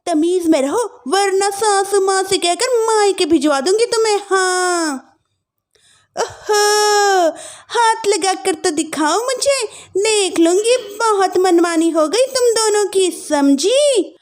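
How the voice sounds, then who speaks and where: A woman's voice: very high-pitched, sing-song, normal speed, pitched above the performer's own voice, full character voice. A woman voicing a haughty, spiteful young sister-in-law with bossy, whiny demands in a family story. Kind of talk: acted family-drama storytelling.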